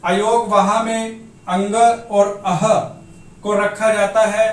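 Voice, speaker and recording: Slow, high-voiced man teaching in an echoey room. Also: flat delivery. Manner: slow, explanatory, dictating points to note down. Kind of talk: exam-prep grammar lesson. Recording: echoey room, voice from a distance off the mic.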